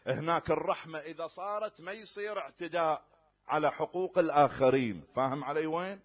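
A man preaching a religious sermon in a casual spoken style. He swings between loud, rising stresses and quiet, low asides, draws out scripture slowly, and keeps checking that his listeners follow. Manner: slow drawn-out recitation of scripture; addresses listeners directly and checks they follow.

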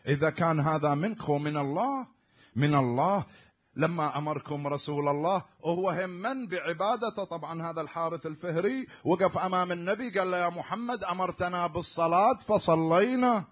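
A man with an Iraqi Arabic accent delivers a sermon in a husky, slightly high voice. He leans hard on key words, then sinks to near-murmurs. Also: fairly quick. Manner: emphatic, swinging from loud stresses to near-murmurs. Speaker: preacher.

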